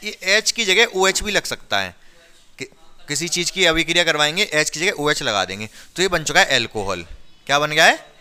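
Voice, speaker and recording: A male teacher leads a classroom chemistry lesson with a bright, crisp voice pitched a little high. He walks students through each step, asking questions and checking again and again that they understand. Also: lively intonation, moderate pace. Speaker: science teacher.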